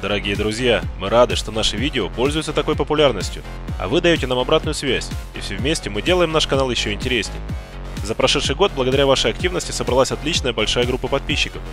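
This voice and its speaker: A man narrates from a script for a video channel. His medium-pitched delivery races along without pausing, with music softly underneath. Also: expressive.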